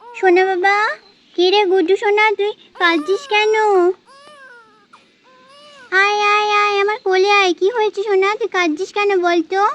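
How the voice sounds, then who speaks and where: A woman voicing a very high, fussing village mother. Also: steady tone, a bit bright, a little hiss or hum. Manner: bustling, fast, nagging. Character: fussy village mother, scolding yet doting. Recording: dull lo-fi sound.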